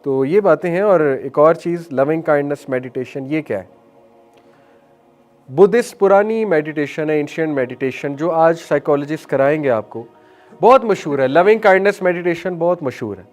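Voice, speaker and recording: A man giving an earnest motivational religious talk, mixing English phrases into his speech and slowing down to recite phrases. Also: on the high side, expressive, darkish tone, soft background music. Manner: earnest, mixes English phrases into Hindi-Urdu, slows to recite phrases. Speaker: Islamic speaker.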